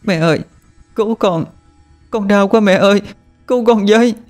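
A man's voice: normal speed, darkish tone, soft background music, lightly acted. A man voicing a terrified little girl who wails for her mother, in a spoken horror story. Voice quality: shrill, wailing.

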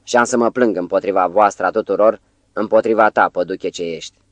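A man's voice: on the low side, no room sound, close to an everyday voice. Man reading a rude, furious young poet. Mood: angry. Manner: irritated, rude, scornful.

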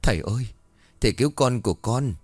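A man's voice: mid-range voice, fairly quick, darkish tone, no room sound, voice pushed up, natural voice. A man voicing a panicked middle-aged mother, pleading and tearful. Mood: begging.

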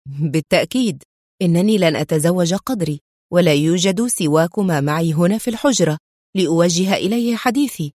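A woman voicing a calm, self-assured young man who speaks with teasing confidence in an audiobook. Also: fairly low pitch, a little fast, no echo, clean studio sound, pitched below the performer's own voice. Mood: amused. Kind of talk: audiobook character reading.

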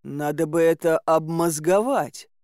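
A woman's voice: deep voice, unhurried, a little mellow, no room sound, clean studio sound. A woman voicing an earnest young bogatyr warrior. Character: stout-hearted young male bogatyr warrior.

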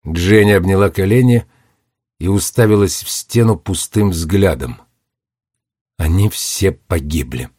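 Low-voiced man narrating an audiobook. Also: dry recording, clean studio sound. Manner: measured, steady storytelling.

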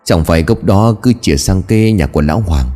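A man's voice: deep voice, expressive, quick pace, mellow, faint music behind. A man doing a stammering frightened young son. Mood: eager. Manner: stammering, pleading.

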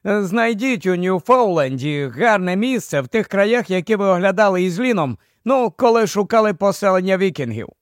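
A man doing a brisk commanding leader. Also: high voice, expressive, no room sound, studio quality. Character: brisk take-charge male expedition leader.

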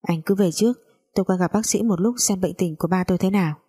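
A woman voicing a gentle, honest young wife who speaks politely and softly, in a storybook reading. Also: lowish voice, fast talker, husky. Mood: calm. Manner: soft-spoken, polite.

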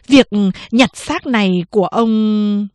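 A woman's voice: mid-range voice, slow, a little mellow, no echo, studio quality, natural voice. A woman voicing a meek, polite male clerk in an audiobook. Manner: polite, pleading.

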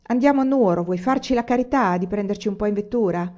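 A woman reading the lines of a weary, guarded peasant mother in a storybook, her manner plain and low-key, on a dull lo-fi recording. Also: quick pace, a little mellow, natural voice. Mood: curt.

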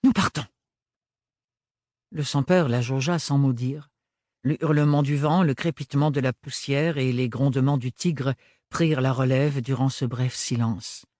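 A man narrating a novel as an audiobook in a steady, measured way. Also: medium pitch, dry recording, clean studio sound.

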